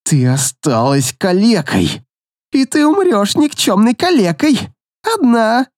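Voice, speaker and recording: A spiteful middle-aged mother spits scorn and climbs into shrill, accusing cries, as a male narrator puts her on. Her pitch leaps around wildly, the tone mellow underneath, recorded close and dry. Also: very animated, slow, no room sound. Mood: scornful. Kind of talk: audiobook character voice.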